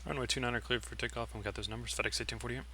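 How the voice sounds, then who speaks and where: A man flying a simulated airliner, reading back clearances and calling out takeoff steps in clipped pilot phrasing into a headset mic. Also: medium pitch, fairly even intonation, racing, noisy background. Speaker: flight sim streamer flying as pilot. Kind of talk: pilot radio readbacks and cockpit callouts.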